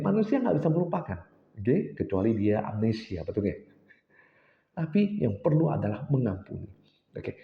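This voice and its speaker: A man with a gravelly, fry-edged voice gives an emphatic motivational talk, asking rhetorical questions and repeating key phrases. His voice rings through a large hall with a long reverb tail. The sound is dull and lo-fi. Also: mid-range voice. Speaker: motivational coach.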